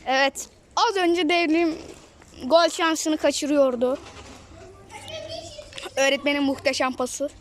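A child with a very high, bright voice calls a football game as a screaming commentator. The calls are drawn out and repeat players' names, over a faintly noisy amateur pitch-side recording. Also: steady tone, slow pace, long pauses. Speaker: match commentator. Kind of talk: excited football match commentary, shouted at goals.

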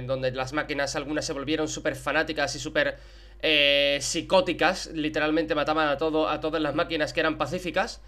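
A young man from Spain with a Spanish accent, giving excitable Let's Play commentary and swearing in surprise as he plays. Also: fairly high pitch. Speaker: gaming YouTuber. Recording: game music behind.

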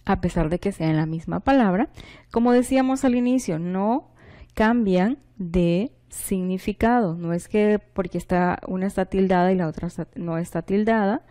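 Mellow-voiced woman teaching a lesson. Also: mid-range voice. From Honduras. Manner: patient, explanatory, asks rhetorical questions to pupils; reads example sentences aloud slowly. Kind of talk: recorded classroom lesson.

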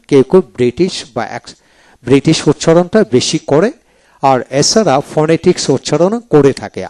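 Lively Bengali man teaching pronunciation. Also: on the high side. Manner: explains step by step, repeats example words slowly, often says "then come". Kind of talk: video lecture walking through a book.

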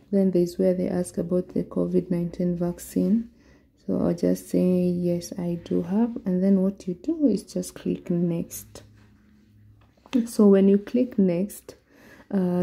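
A woman's voice: fairly low pitch, gravelly, mellow. A Kenyan woman walking viewers through an online form step by step in a screen-recorded tutorial. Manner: slow, step-by-step explaining. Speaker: vlogger.

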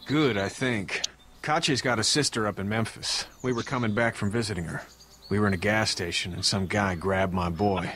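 An actor playing a gruff fisherman dad. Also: lowish voice, normal speed, fairly bright tone, slight background noise, lightly acted. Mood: somber. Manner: folksy, blunt talk. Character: gruff middle-aged fisherman father, proud, protective.

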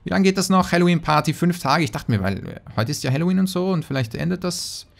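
A young man casually commenting on a browser game and reading out viewer messages in quick, chatty bursts. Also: sits high, expressive, creaky. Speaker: let's player.

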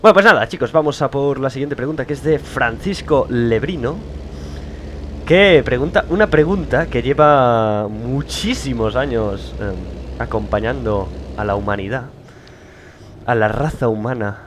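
A young gaming YouTuber with a Spain Spanish accent and a medium-pitched voice rambles at a measured pace through casual let's-play commentary from his home studio, joking at his own expense and laughing often. Loud engine noise from a driving game runs behind him.

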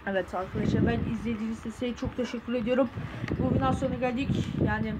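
High-voiced hot-tempered woman gamer. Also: steady tone, fast talker, very noisy. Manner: hot-tempered, swears and yells at the game. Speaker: gaming channel host. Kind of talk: live gameplay commentary.

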